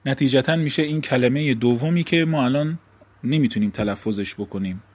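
A man's voice: medium pitch, darkish tone, husky. A man teaching an Arabic grammar lesson, explaining step by step and asking and answering his own questions.

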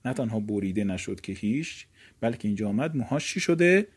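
A man giving a grammar lesson. He chants verb forms slowly and drawn out, explains in a quicker, courteous teaching manner, and stresses key words. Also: fairly low pitch, expressive, husky. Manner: courteous formal teaching phrases. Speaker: teacher of Arabic morphology. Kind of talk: recorded classroom lecture.

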